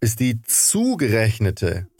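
A man interpreting a sermon into German, speaking in an earnest, measured way. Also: lowish voice, wildly swooping pitch, a little mellow, breathy edge.

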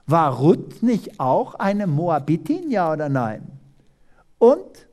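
A South African preacher with a slow, sing-song, somewhat mellow voice delivers a dramatic, animated sermon. He reads scripture aloud and hurls rhetorical questions at the congregation, his pitch sweeping up and down.

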